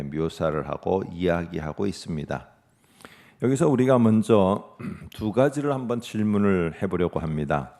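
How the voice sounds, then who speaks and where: A middle-aged male pastor giving a sermon, measured and explanatory, posing rhetorical questions to the congregation. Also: lowish voice, creaky, darkish tone.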